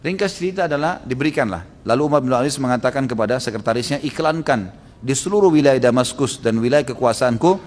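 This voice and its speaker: A male Islamic preacher giving a storytelling sermon, acting out quoted characters with lively shifts and frequent tag questions. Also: medium pitch, fast talker. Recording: long reverb of a large hall.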